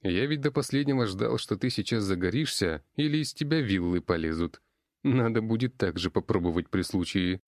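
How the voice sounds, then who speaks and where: A man's voice: on the low side, animated, moderate pace, dry recording, clean studio sound, voice pushed up. A man reading an audiobook voices a young male friend who talks in a casual, smirking way. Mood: wry.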